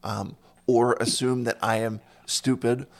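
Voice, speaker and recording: A man hosting a casual interview conversation, telling stories and getting animated when he quotes other people. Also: medium pitch, measured pace, creaky.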